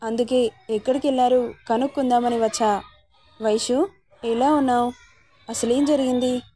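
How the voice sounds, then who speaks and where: A woman's voice: fairly high pitch, steady tone, normal speed, mellow, soft background music, natural voice. Woman reading as a casual young college guy. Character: friendly young male college student, casual.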